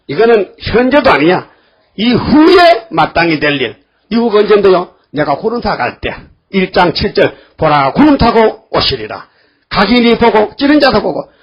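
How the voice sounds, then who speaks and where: An older man preaches a sermon in an animated way, slipping into the voices of the people he quotes. His voice sits high and sounds husky. The recording is dull and lo-fi, taped in a church. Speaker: pastor.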